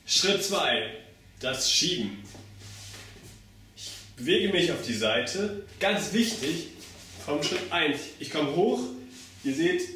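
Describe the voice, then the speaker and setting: The voice is on the high side with a sharp tone, belonging to a young man teaching circus pantomime through a step-by-step, physically active demonstration. A camera mic far across the bare, hard-walled room catches heavy echo and slight background noise.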